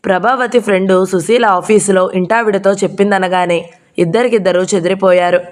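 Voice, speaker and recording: A woman narrating a short story in a steady, measured storytelling manner. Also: mid-range voice. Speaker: audiobook narrator.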